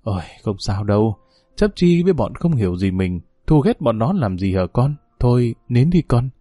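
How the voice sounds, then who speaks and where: A man voicing a weary, gentle aging father who speaks softly and consolingly to his daughter. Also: sing-song, normal speed, dry recording, clean studio sound. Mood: soothing. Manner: soft, consoling, low-spoken.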